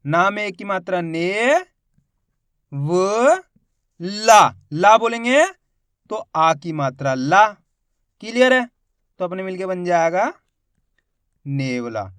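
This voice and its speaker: A man with a high, smooth voice teaches a spelling lesson, breaking each word into drawn-out syllables and then saying it whole. He talks to his viewers as friends and keeps asking them the next step. The recording is dry and close. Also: fairly bright tone, no room sound. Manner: slow, drawn-out syllables and repeated teaching questions. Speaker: Hindi teacher.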